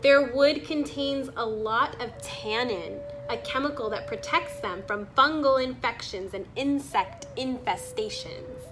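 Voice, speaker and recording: With music playing behind her, a woman with a fairly high voice reads a children's book aloud. She pauses now and then to toss in casual comments about the illustrations.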